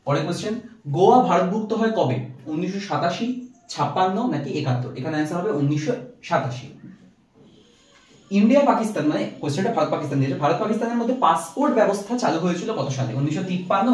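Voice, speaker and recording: A man teaching a rapid exam-revision lesson, reading options and then giving each answer. His voice sits a little high and moves at a brisk clip. It is heard from a distance in a strongly echoing room. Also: animated. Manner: reads options, then gives answers with fillers; mixes English words into speech. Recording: very echoey, from far off.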